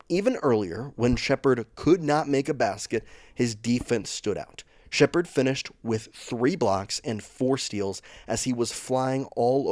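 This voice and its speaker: A man's voice: mid-range voice, darkish tone, dry recording. Chatty man with a dry close-mic sound. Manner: chatty, opinionated, speeds up in bursts. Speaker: sports channel host. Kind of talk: casual sports commentary vlog.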